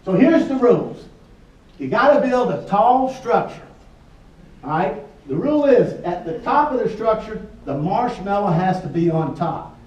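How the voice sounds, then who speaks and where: A man's voice: high-pitched, sing-song, a little slow, a little mellow. A man, a folksy, joking presenter casually explaining a challenge to a group and repeating his questions. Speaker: workshop presenter. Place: large echoey indoor room with a group. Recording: echoey room, picked up from a distance.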